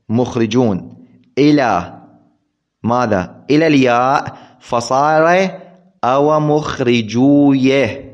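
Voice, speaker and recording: A man's voice: medium pitch, darkish tone. Man teaching grammar, repeating himself. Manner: repeats key words, asks questions and answers them himself. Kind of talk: classroom lesson explaining a text. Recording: dull lo-fi recording.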